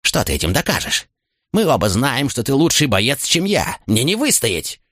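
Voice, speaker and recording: A man's voice: medium pitch, wildly swooping pitch, normal speed, fairly bright tone, slightly rough, dry recording, studio quality, pitched above the performer's own voice, heavily acted. A man voicing a cowardly traitor who wheedles, bargains and begs in a nervous voice. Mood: pleading.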